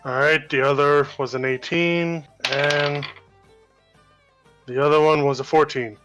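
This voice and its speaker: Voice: medium pitch, fairly even intonation, unhurried, lo-fi sound, over music. A player in a tabletop role-playing game, speaking casually about moves and dice rolls.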